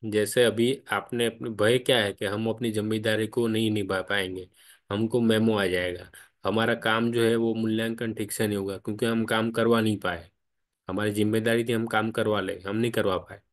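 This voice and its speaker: A man's voice: on the low side, little pitch movement, normal speed. A man guiding a spiritual study group online, explaining patiently step by step and asking questions as he goes. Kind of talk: spiritual discussion. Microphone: online call.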